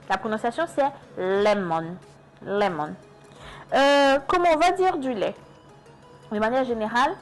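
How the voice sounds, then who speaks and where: Woman teaching English pronunciation. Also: medium pitch. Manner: explains slowly, repeats words to model pronunciation. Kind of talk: French-language English lesson.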